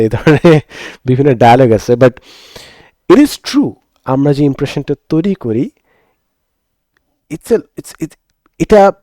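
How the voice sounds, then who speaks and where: Earnest Bangladeshi man, mellow voice. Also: mid-range voice, no room sound, studio quality. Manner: earnest, switches between Bengali and English mid-sentence. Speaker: teacher. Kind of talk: reflective monologue.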